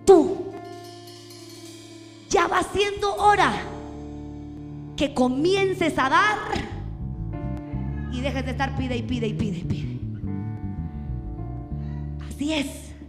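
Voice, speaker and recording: A woman with a Mexican accent preaching a sermon, impassioned and often shouting in drawn-out, sing-song calls. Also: sits high, animated. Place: church hall. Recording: echoey hall with music behind.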